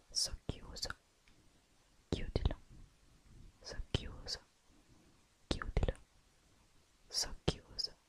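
A young woman speaks almost entirely in a hushed, breathy whisper. She takes her time over every word, with long unhurried pauses. Her tone stays gentle and soothing as she walks the listener through each step. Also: poor audio. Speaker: makeup artist in a roleplay. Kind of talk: whispered ASMR roleplay.

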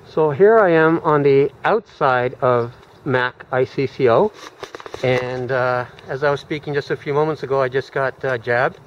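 A man in his forties recording a relaxed, reflective selfie vlog on a phone held at arm's length, indoors in a large community gym and later outside. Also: mid-range voice, normal speed, dull audio, a little hiss or hum. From Canada. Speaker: vlogger. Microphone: phone camera at arm's length.

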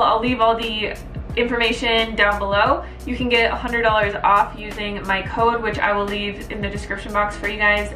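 A woman's voice: fairly high pitch, sharp tone. Chatty woman narrating a cooking vlog. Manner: chatty, upbeat, explaining step by step. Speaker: vlogger. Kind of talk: casual cooking vlog voice-over. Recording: music playing behind. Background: background music.

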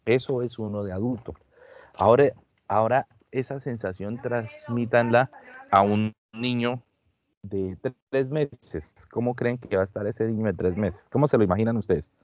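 A man's voice: on the low side, a little fast, darkish tone, no echo. A man teaching an online medical class, asking his students questions and repeating phrases for emphasis. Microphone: computer mic on a video call. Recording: dull, lo-fi video call audio.

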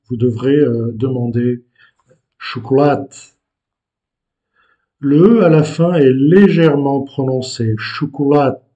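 A man teaching vocabulary to learners, patient and explaining with hesitant pauses. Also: mid-range voice, muffled recording. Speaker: language teacher.

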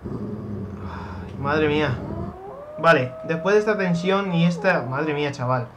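A young man from Spain with a Spanish accent, giving excitable Minecraft let's play commentary, swearing and shouting when startled. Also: on the high side, slow pace, background noise. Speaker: gaming youtuber.

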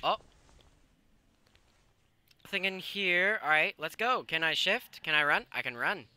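A man's voice: high voice, lively intonation, a little slow, pushed and bright, clear, resonant tone. A young man giving casual, jumpy, slangy commentary while playing a horror game. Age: young adult. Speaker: gaming video host. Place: small room indoors.

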